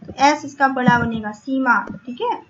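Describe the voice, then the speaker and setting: A woman teacher with an Indian English accent, patiently explaining a school lesson in Hindi and English and repeating words slowly for her pupils. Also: high-pitched. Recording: dull lo-fi recording, faint hiss.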